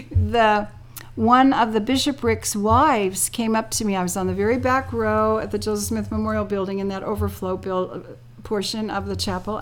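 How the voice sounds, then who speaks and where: Laughing frequently, an older woman being interviewed recounts something from her own life in a lively manner, imitating what other people said. Her pitch is medium.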